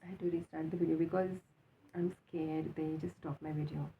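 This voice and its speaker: A woman with an Indian accent giving a casual, halting, unscripted opinion monologue, repeating herself for emphasis, just awake with a swollen mouth. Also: low voice, level tone. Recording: tinny phone-like sound with faint noise.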